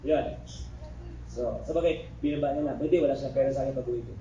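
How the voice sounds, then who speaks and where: A man's voice: mid-range voice, fairly even intonation, brisk, highs cut off. A middle-aged man from the Philippines giving a criminology review lecture in a classroom. He mixes teaching with joking asides and keeps checking in with the class. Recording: echoey room recorded from far off, faint background noise.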